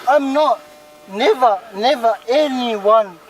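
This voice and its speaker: A man's voice: extremely high pitch, slow, poor audio. A drunk man being arrested, slurred and repetitive, arguing with an officer.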